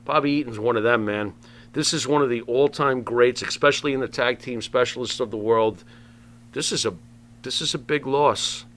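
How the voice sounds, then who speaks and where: A man's voice: mid-range voice, moderate pace, a bit bright, a little hiss or hum. A man chatting casually as a talk show co-host, emphatic and repeating words for effect.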